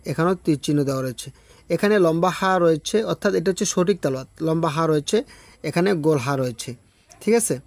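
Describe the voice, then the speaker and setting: A man teaching a Quran recitation class online. He explains step by step, often checks in with "okay?", and chants verses slowly and drawn out. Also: fairly high pitch, a little mellow, no echo.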